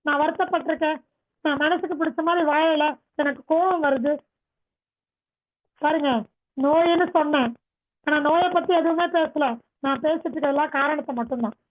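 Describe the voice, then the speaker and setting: A woman's voice: high-pitched, normal speed, long pauses. A woman yoga teacher giving a motivational talk, pressing her listeners with rhetorical questions. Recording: tinny phone-like sound.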